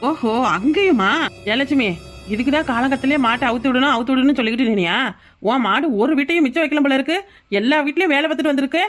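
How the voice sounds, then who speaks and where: A woman's voice: sits high, fast, faint music behind, close to an everyday voice. A woman voicing a young village woman neighbour in a cartoon comedy, chiding the others in a southern Tamil village dialect. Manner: chiding, meddling. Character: Chinna Ponnu, young village woman neighbour, meddling peacemaker.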